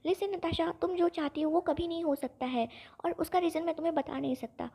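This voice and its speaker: Woman voicing a bossy short-tempered young man, pushy and scolding, high mellow voice, storybook audio drama. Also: steady tone, brisk, creaky. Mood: pressing. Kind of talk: storybook dialogue reading.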